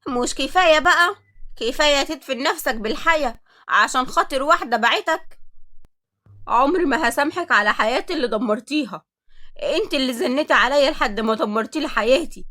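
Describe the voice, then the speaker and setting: A woman's voice: high-pitched, lively intonation, brisk, bright, forceful tone. A woman with an Egyptian Arabic accent voicing a middle-aged mother angrily scolding her son. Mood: angry.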